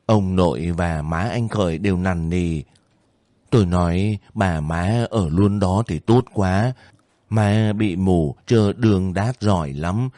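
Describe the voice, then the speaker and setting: A man reading the lines of a gentle, earnest young female volunteer in his own low voice. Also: slow, no room sound, clean studio sound.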